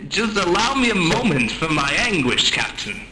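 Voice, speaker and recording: A man's voice: high-pitched, moderate pace. A man in gaming voice chat, speaking in a theatrical, mock-dramatic way. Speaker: gamer. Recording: roomy mic with steady noise.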